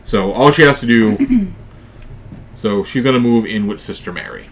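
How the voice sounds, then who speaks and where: Male host, board game let's play; swings between dramatic readings of game text and casual rules talk, animated pitch. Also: normal speed, a little hiss or hum. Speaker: host and player.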